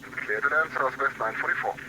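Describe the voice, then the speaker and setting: A man speaking as a pilot over the radio, reading back clearances in clipped radio phraseology. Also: mid-range voice, brisk. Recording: noisy cockpit radio feed.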